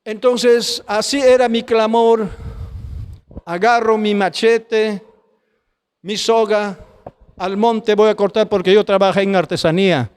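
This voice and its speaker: Impassioned high-voiced preacher in a hall. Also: male voice, fairly even intonation, takes it slowly, long pauses, a little mellow, smooth. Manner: impassioned, pleading, addresses listeners as brother. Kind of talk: testimony sermon.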